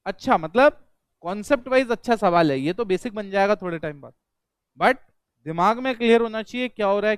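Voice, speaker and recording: A male accountancy teacher with a high, smooth and clear voice, lecturing a class of students. He fires questions at them, repeats each one, and drills the answers back while mixing English accounting terms into his talk. The sound is dry and close, with almost no room echo.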